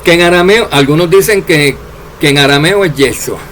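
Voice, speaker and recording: A man preaching a sermon, addressing his listeners directly and letting his voice drop low and soft at the ends of phrases. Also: moderate pace, a little hiss or hum. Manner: addresses listeners as dear servants, drops voice at endings.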